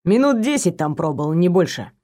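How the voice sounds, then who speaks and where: A woman voicing a terse, apologetic male bodyguard who speaks haltingly. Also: fairly low pitch, sing-song, dark tone, pitched below the performer's own voice. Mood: guilty. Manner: halting and hesitant.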